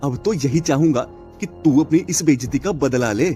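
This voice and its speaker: A man voicing a scheming, greedy village moneylender in a cartoon story, talking in a smooth, sly way. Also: mid-range voice, moderate pace, warm tone, soft background music, close to an everyday voice.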